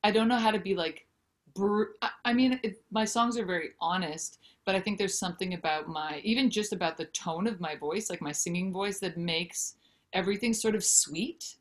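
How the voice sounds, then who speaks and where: A singer-songwriter and author in her thirties chats candidly and animatedly over a video call for a casual interview, gesturing with her hands. She's at home in a room with a brick wall, speaking at a moderate pace in a medium-pitched voice.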